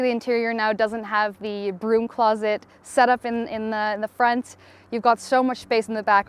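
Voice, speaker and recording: Smooth-voiced enthusiastic woman pilot. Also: medium pitch. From Tanzania. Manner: enthusiastic, with a few fillers and restarts. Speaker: helicopter pilot. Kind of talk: promotional testimonial.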